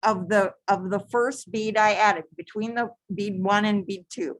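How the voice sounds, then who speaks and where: At her craft table, a woman with a mid-range voice teaches a live beading lesson, moving slowly and calmly from step to step. She says each instruction more than once and sometimes starts a phrase over. The sound is close and dry, without any room echo.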